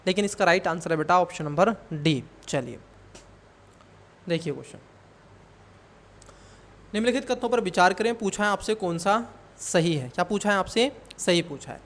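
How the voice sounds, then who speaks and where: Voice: mid-range voice, animated, normal speed, pauses often, slight background noise. A coaching teacher explaining exam questions, who calls the students child and asks and answers their own questions.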